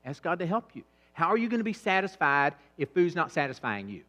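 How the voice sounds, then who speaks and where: A middle-aged man giving a humorous, animated church talk on eating habits, swinging between quiet asides and loud bursts. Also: fairly high pitch, a little fast. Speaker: fitness trainer speaking at church. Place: church hall.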